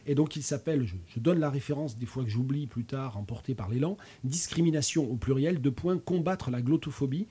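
A man's voice: medium pitch, a little fast, few pauses, dark tone. A man in his fifties with a regional French accent, hosting a casual chat, hesitant, with many fillers and restarts. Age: 50s. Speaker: host.

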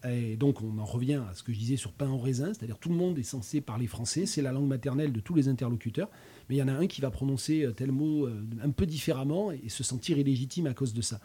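A man's voice: medium pitch, quick pace, dark tone, breathy edge. A man in his fifties with a regional French accent, hosting a casual chat, hesitant, with many fillers and restarts. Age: 50s. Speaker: host.

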